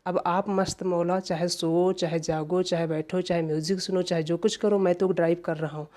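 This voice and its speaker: In an online grammar class, a man lectures as the teacher, frequently restating reminders with a gentle drop at the ends of his phrases. He has a high voice, keeps a level tone, and talks at a moderate pace.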